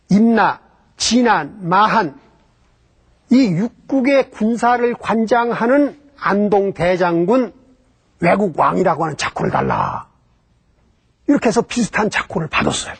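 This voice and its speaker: Man, history lecturer, rhetorical questions, high voice, husky tone. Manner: explanatory, poses rhetorical questions and answers them. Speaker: lecturer on Japan.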